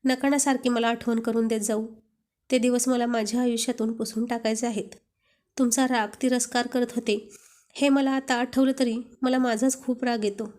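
A shy young wife speaks bashfully and fondly to her husband, voiced by a woman reading a storybook aloud. Her voice sits fairly high. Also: little pitch movement, moderate pace, darkish tone, close to an everyday voice. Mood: tearful. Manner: bashful and affectionate.

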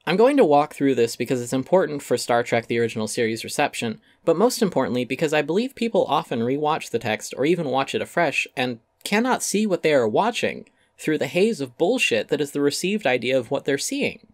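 A man with a medium-pitched, sing-song voice gives a dramatic reading of an essay, fairly quickly and with hardly any pauses. He's articulate and emphatic with a wry edge, and the sound is dry, close-miked, and free of echo.

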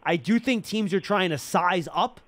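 In a small indoor broadcast studio, a man hosts live sports talk, making his points emphatically into a close boom-arm mic. His voice sits high, he talks at a normal speed, and there's no echo.

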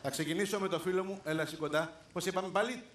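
This comedian has a high, slightly bright voice. Hosting a live show on a large theater stage, he invites volunteers from the crowd, teases them good-naturedly and laughs a lot, while the echoey recording picks up audience noise.

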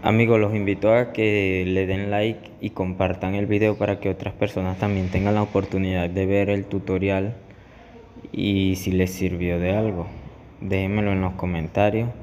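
A barber teaching a haircut tutorial explains each step in a low, flat, even voice at a moderate pace. His instructional voice-over has room echo and clear background noise.

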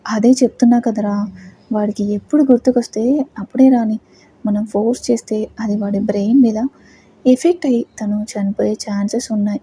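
A woman playing a calm middle-aged woman doctor. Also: mid-range voice, husky, lightly acted. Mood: explaining. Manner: calm, measured, explaining.

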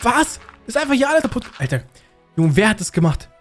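Fast, high-voiced teasing young man. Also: big pitch swings, faint music behind. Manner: loud, teasing, addresses viewers with slang. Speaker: gaming video host. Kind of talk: excited gaming commentary.

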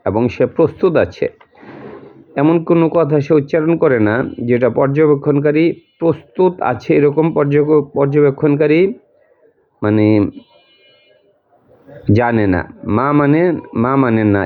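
Male teacher, mid-pitched, methodical word-by-word lesson, tinny lo-fi recording. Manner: repeats each word and its meaning slowly, step by step. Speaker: Quran translation teacher. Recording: tinny phone-like audio.

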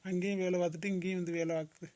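A man voicing a calm brother and father in a home-made cartoon, soothing and advising. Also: high-pitched, very fast, natural voice.

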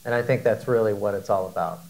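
A man in his forties answering as a panelist in a conference hall, measured and hesitant, with many fillers and repeated words. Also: on the low side, a little mellow. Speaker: panelist, aviation operator.

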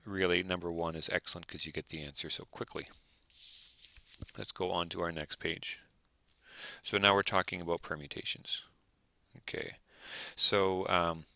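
A male math teacher working through examples aloud, thinking out loud and checking in with rhetorical questions. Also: deep voice, gravelly, no room sound. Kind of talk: recorded lecture over worked examples.

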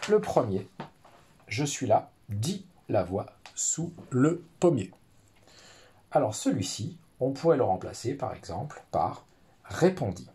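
A man's voice: on the low side, mellow, husky. A man teaching a recorded lesson to pupils, explaining in a friendly way with many fillers.

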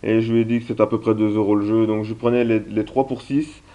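Hesitant man, dark voice. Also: lowish voice, fairly even intonation, fast talker, dull audio. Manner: hesitant, many fillers. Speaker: video game collector vlogger. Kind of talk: casual haul vlog.

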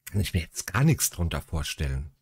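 A man's voice: very deep voice, big pitch swings, fairly quick, a little mellow, husky, dry recording, clean studio sound. A man reading a bedtime story aloud and breaking off into chatty, sarcastic asides.

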